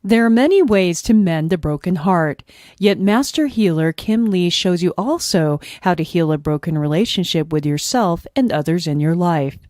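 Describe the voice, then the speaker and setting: Voice-over: woman, lowish voice, dry studio read, promotional. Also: lively intonation, normal speed, a little mellow, no room sound. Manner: smooth, polished and promotional. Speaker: voice-over announcer. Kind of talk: scripted introduction.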